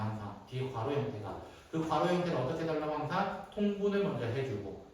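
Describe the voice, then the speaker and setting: A man teaching a math class, reviewing step by step and answering his own questions. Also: fairly high pitch. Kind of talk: classroom lecture. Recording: echoey classroom from far off, faint noise.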